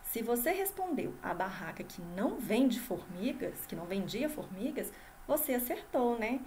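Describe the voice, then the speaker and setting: Sing-song Brazilian teacher for small kids. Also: female voice, on the high side, sing-song, a little mellow, slight background noise. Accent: Brazilian Portuguese. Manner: sing-song, drawn-out syllables for children; constant checking questions to the class. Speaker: primary school teacher. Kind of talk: video lesson for young children.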